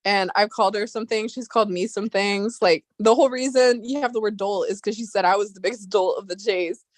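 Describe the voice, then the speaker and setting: A woman's voice: medium pitch, a little fast, no room sound, clean studio sound. A woman hosting a casual chat, talking freely, laughing often and poking fun at herself. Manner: chatty, laughs often, self-deprecating. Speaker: host.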